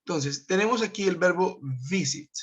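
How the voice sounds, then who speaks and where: A man's voice: high voice, normal speed, breathy edge. A man, teaching an online English grammar lesson, explaining step by step and checking in with his students. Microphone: web conference computer mic. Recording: dull lo-fi web call audio.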